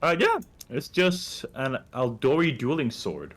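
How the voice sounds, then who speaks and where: A man's voice: medium pitch, sing-song, a little slow, fairly bright tone. A man recapping and running a tabletop game as game master, explaining the rules patiently.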